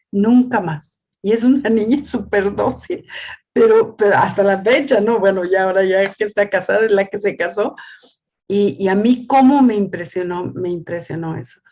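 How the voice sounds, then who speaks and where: An older woman gives a church family lesson, often repeating words and asking "¿sí?", and tells stories in a lively voice. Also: mid-range voice, lo-fi sound. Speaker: family school teacher. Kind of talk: church teaching talk.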